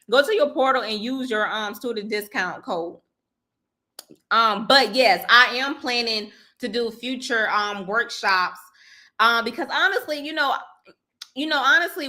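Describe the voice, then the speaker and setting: Bright, chatty woman teaching on a live stream. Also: a little high. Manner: chatty, frequent fillers and restarts, addresses viewers directly; laughs easily while talking. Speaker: online instructor hosting a live workshop.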